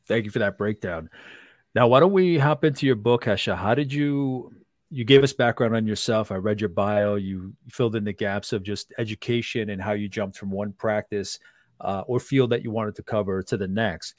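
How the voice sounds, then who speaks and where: A man's voice: lowish voice, normal speed, dry recording, studio quality. A man hosting a book interview, asking long, meandering questions with frequent restarts. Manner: rambling questions with many fillers and restarts. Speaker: podcast host.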